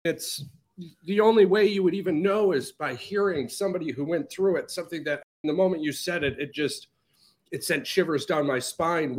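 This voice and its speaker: A man's voice: a little high, darkish tone. A man co-hosting a podcast, reacting in casual chat with swearing and amazement. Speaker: podcast co-host.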